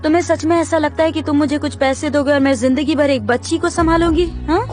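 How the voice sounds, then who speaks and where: A woman's voice: high-pitched, fairly even intonation, quick pace, darkish tone, close to an everyday voice. A woman dubbing a mocking, scornful young woman in a TV drama. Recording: dubbed dialogue over music.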